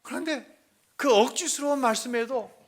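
A middle-aged male pastor telling a personal family story in a sermon, moving between hushed confession and loud acted-out quotes. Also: very high voice, normal speed.

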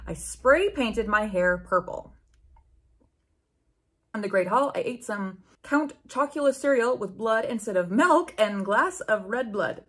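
A woman in her twenties, a YouTube host, reads fanfiction aloud in a small room at home lined with bookshelves. Her voice is a little high, bright and slightly rough, expressive but measured in pace, and she adds theatrical, incredulous comic commentary full of swearing.

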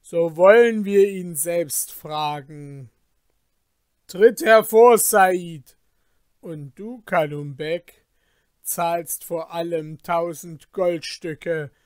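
A commanding caliph passing judgment in a storybook, measured and authoritative, slow and deliberate, as a male reader plays him. A dry, close recording with no room. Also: a little high, steady tone, no room sound. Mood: stern.

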